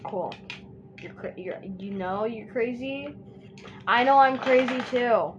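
A woman talks to her viewers while drawing, in a slow, unhurried ramble that keeps circling back on itself. She jokes around and scatters "like" through nearly every sentence. The sound is dull and muffled, with a steady hiss of noise underneath. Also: a little high. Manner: chatty and joking, says "like" constantly. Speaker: vlogger drawing on camera. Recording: dull, noisy home recording.

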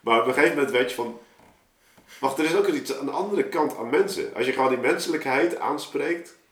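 This man speaks at a medium pitch, brisk and animated, as an artist and story maker on a podcast. He chats casually about how he creates, frequently wandering off topic and interrupting his own thoughts, with an echoing, roomy sound around him.

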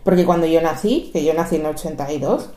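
A woman's voice: sits low, a little fast, warm tone. A woman in her forties from Equatorial Guinea hosting a podcast conversation, affirming her guest and laughing often. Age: 40s. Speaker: podcast host. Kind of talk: casual interview chat. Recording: echoey room.

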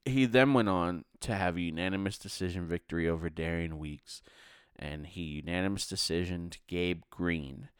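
Deep, smooth-voiced male podcast host. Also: moderate pace, dry recording, clean studio sound. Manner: chatty, laughs between results. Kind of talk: casual fight review monologue.

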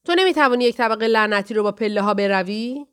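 A woman's voice: sits high, lively intonation, pitched above the performer's own voice. A woman voicing a jumpy, hot-tempered fugitive man. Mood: angry. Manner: agitated, shouting. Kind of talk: audiobook reading.

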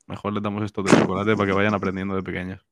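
A man's voice: deep voice, completely flat delivery, racing, no echo. A man from co-hosting a casual comedic podcast, making wry, ironic asides. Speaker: podcast co-host.

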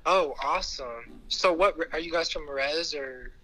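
A man's voice: on the high side, measured pace, sharp tone, low-quality recording. A man speaking casually as a podcast guest, encouraging and often repeating his phrases. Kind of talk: casual conversation.

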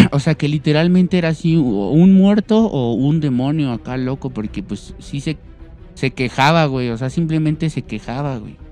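Telling a scary tale to friends, this young storyteller guest speaks with a Mexican Spanish accent and loads of slang, throwing in acted-out voices and screams. His pitch leans high and he talks at a normal speed. Faint music can be heard in the background.

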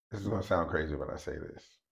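A man's voice: a bass voice, gravelly. A man co-hosting a podcast in casual chat, making his points with emphasis and repeating them. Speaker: podcast co-host.

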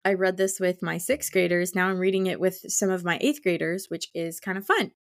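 With a lowish voice, a slightly fast pace and vocal fry, a school teacher chats about books as a podcast co-host. Her manner is casual and effusive, full of "like."

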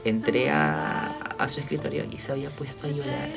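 A man with a Chilean accent, chatting as podcast co-host and telling a story in a slangy, animated way. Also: mid-range voice, fairly quick, gravelly, music in the background. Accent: Chilean Spanish. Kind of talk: casual chat, storytelling.

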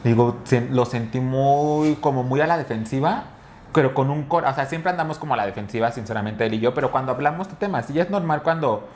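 Young Mexican man, podcast co-host, medium pitch, chatty storyteller who restarts his sentences. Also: brisk, a little mellow, slight background noise. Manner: rambling storyteller with many fillers and restarts. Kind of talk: casual chat.

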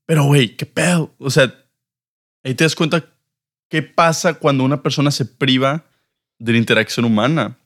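A man's voice: medium pitch, steady tone, moderate pace, long pauses, fairly bright tone. A young man with a northern Mexican accent chatting casually as a podcast co-host in slangy, informal speech with some swearing. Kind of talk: casual chat.

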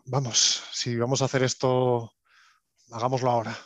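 A man's voice: medium pitch, flat delivery, moderate pace, no echo, natural voice. A man from voicing an anxious, protective male survivor on a space station, speaking urgently.

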